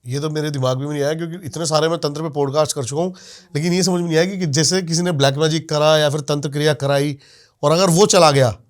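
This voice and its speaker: A man's voice: a little high, steady tone, fast. Attentive male podcast host. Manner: attentive, brief acknowledgements and curious questions. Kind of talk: podcast interview.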